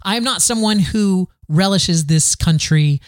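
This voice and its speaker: A man's voice: sits high, unhurried, dry recording. Man, southern-born podcast host, casual solo monologue, rambling and candid, dry close sound. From American South. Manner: candid, rambling, frequent restarts and fillers.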